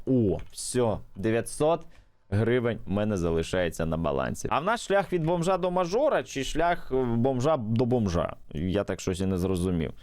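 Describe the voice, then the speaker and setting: A man with a lowish voice gives casual running commentary over his mobile gameplay, chatty and thinking aloud to his viewers. His pitch swings a lot as he reacts to the game, and the sound is dry and close, with no room echo. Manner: chatty, animated, thinks aloud while playing.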